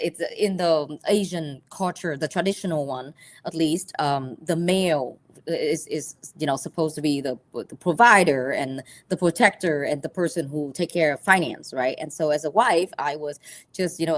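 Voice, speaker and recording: A woman from Vietnam, teaching a live personal finance class in a halting way full of ums and restarts. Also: sits low.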